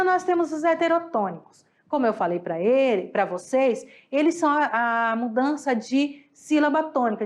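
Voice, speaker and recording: A woman with a Brazilian accent teaching a recorded Spanish lesson, patiently drilling pronunciation and asking students to repeat words after her. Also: on the high side.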